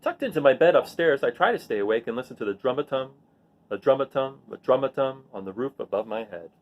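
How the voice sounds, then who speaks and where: This mid-range male voice moves fast, and the audio sounds dull. He gives an animated storybook reading for young listeners, hamming up the sound words and chatting with them in simple language.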